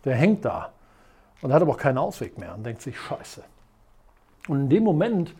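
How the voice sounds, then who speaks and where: A motivational coach teaches at a whiteboard and keeps repeating rhetorical questions with emphasis. The delivery is animated, and the pitch swings widely. The voice is husky and warm. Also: quick pace. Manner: tells stories in a lively, dramatic way. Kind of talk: motivational video lesson at a whiteboard.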